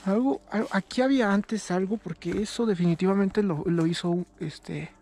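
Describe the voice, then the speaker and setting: A woman's voice: mid-range voice, moderate pace, a little mellow. A woman with a Mexican accent chatting nervously and casually in slang on an outdoor night exploration vlog. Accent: Mexican Spanish. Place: outdoors in rough woodland at night. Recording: noisy outdoor field recording with clicks.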